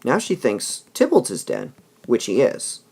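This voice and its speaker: A man's voice: medium pitch, huge pitch swings, unhurried, darkish tone, slightly rough. A man teaching a literature lesson, explaining patiently and often checking in with "all right?" between passages he reads aloud.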